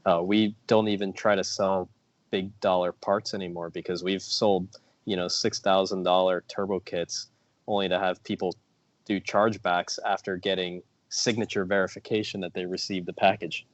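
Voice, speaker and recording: A man who runs a performance car shop, speaking as a guest on a casual podcast in a measured, matter-of-fact way. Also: deep voice, level tone, lo-fi sound.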